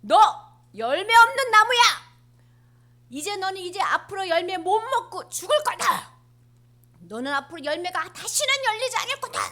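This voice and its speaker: A woman voicing Jesus as an angry grown man who shouts commands in a children's sermon. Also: very high-pitched, very animated, normal speed, voice pushed up, exaggerated voice. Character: angry adult male Jesus scolding loudly.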